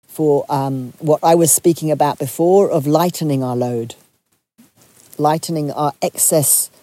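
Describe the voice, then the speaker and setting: Speaking gently and reflectively to a group, a Zambian retreat leader pauses frequently and begins phrases again. The voice is mid-range, with no echo.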